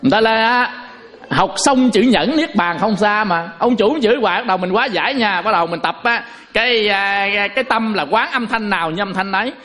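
A man preaches a Buddhist Dharma talk, his voice sitting high for a man. He is folksy and animated and keeps checking in with his listeners through rhetorical questions. Humorous asides lighten the lesson. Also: a little fast. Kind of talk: Dharma talk to a lay congregation.

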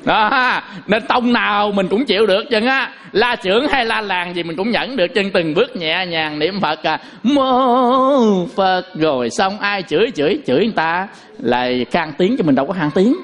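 A man preaches a Buddhist Dharma talk, his voice sitting high for a man. He is folksy and animated and keeps checking in with his listeners through rhetorical questions. Humorous asides lighten the lesson. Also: moderate pace. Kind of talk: Dharma talk to a lay congregation.

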